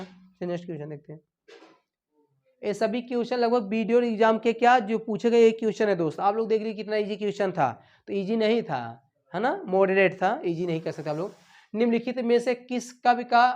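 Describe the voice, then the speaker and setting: A woman teaching an exam-prep Hindi lesson, asking "what?" and repeating each answer back as a drill, her voice dropping quietly at the ends of phrases. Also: mid-range voice, muffled recording.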